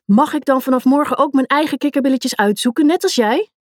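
A woman voicing an excited ten-year-old princess in a storybook reading, bubbly and eager. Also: high voice, brisk, dry recording, clean studio sound, pitched above the performer's own voice, natural voice.

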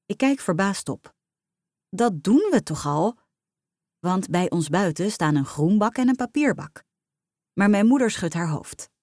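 A woman reading a children's story aloud in the first person, lively and expressive. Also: mid-range voice, normal speed, dry recording, studio quality.

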